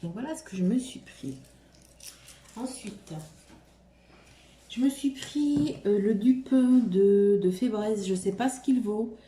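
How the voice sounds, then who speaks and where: A woman talks casually through a shopping haul for her viewers, hesitating often and restarting her sentences. Her voice is mellow and warm. The recording sounds roomy, with a faint hum of ambience behind. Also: mid-range voice, slow, pauses often. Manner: hesitant, full of fillers and restarts. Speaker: vlogger showing shopping haul. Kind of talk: casual haul vlog chat.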